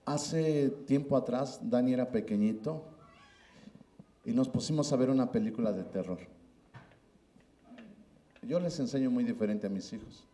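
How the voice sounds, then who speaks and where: A man's voice: mid-range voice, normal speed, long pauses, mellow, roomy sound. A middle-aged man preaching a sermon as pastor, emphatic and often addressing listeners as brother. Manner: emphatic, repeats "hermano" often.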